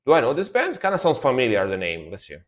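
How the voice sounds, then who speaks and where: A young man with an Italian accent, not a native English speaker, rambles enthusiastically through music reactions on a live stream, saying words like "sick" again and again. His mid-range voice swings hugely in pitch, and he talks quickly.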